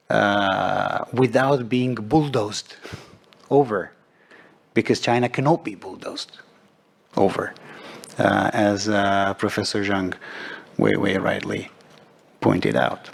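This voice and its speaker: Middle-aged guy from serbia on a forum panel, gravelly, slow and deliberate with lots of pauses. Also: medium pitch. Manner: measured, deliberate, with frequent pauses and fillers. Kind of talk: panel discussion remarks.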